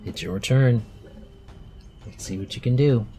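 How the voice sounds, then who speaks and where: A man's voice: medium pitch, a little slow, dark tone. A man in his thirties narrating a tabletop game for a child as game master, patiently explaining the rules with plenty of fillers.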